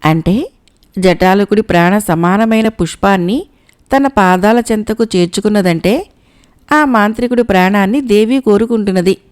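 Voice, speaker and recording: A woman narrating a folk-tale audiobook in an even, expressive reading. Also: medium pitch, normal speed, clear, resonant tone. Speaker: storyteller.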